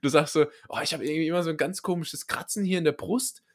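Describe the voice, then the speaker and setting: A man in relaxed, casual chat, agreeing easily and acting out short quotes. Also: fairly high pitch, quick pace.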